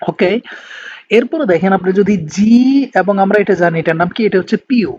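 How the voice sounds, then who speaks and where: A man from Bangladesh with a Bangladeshi Bengali accent, teaching an online language lesson in a patient, explanatory way and slowing down to spell out words. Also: high voice, darkish tone. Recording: slightly dull lo-fi recording with faint background noise.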